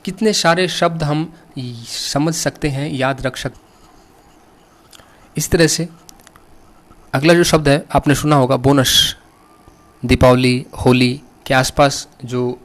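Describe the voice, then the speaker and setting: Slow, patient Indian man teaching vocabulary. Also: fairly high pitch. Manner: slow, patient, asks students questions. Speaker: English teacher. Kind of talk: vocabulary lesson, spelling words letter by letter.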